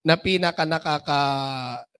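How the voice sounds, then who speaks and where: A man giving a motivational seminar talk as a business trainer, animated and often asking the audience for agreement. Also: a little high, slow, clean tone.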